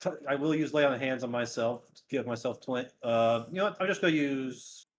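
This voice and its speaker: A man chatting casually as a tabletop player, questioning and halting as he thinks aloud. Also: medium pitch, slight background noise. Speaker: player in a tabletop role-playing game. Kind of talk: casual chat.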